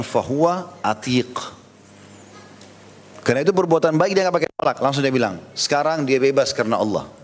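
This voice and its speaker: Guy preaching a story sermon, jokes around a bit, echoey hall sound. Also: mid-range voice. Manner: lively retelling with acted quotes and light jokes.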